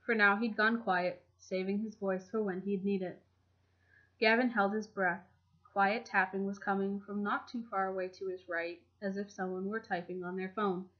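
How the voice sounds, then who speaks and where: A woman reading a fan fiction chapter aloud in a steady, even storytelling manner. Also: mid-range voice. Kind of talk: audiobook narration. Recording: dull lo-fi home recording.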